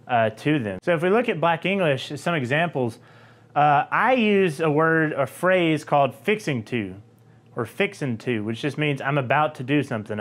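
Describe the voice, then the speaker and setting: A young man from Georgia with a light Southern accent, explaining a language topic to camera in a relaxed, conversational way with frequent fillers. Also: mid-range voice. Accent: Southern US, softened. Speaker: linguistics video host.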